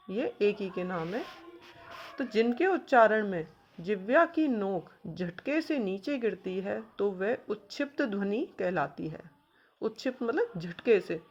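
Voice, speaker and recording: A woman teaching an exam-prep grammar lesson, explaining patiently and sounding out each letter slowly. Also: medium pitch, dull audio.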